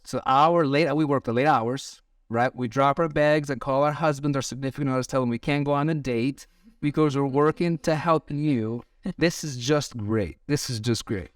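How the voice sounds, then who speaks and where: Male co-host, eager and enthusiastic, mid-pitched, slightly off-mic in a dry room. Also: moderate pace, no echo, recorded from a distance. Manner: upbeat, enthusiastic interjections. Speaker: podcast co-host. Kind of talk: casual chat.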